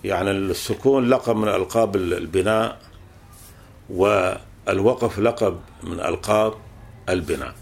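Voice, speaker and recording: A man's voice: low voice, moderate pace, gravelly. A man teaching a classical grammar text, explaining patiently and repeating points with fillers.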